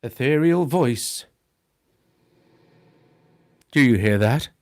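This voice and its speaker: A man's voice: medium pitch, lively intonation. A man casually demonstrating audio effects on a live stream, his voice run through a dreamy, distant-sounding reverb. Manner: unhurried, testing his voice out loud. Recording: long reverb tail with faint ambient noise.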